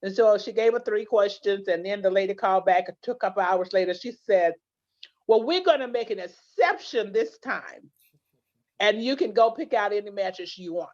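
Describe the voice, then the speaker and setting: A woman guest representing a legal plan speaks at a normal speed in a mid-range, darkish voice during an interview conversation. Her stories are earnest and full of restarts, and the audio is dull and lo-fi.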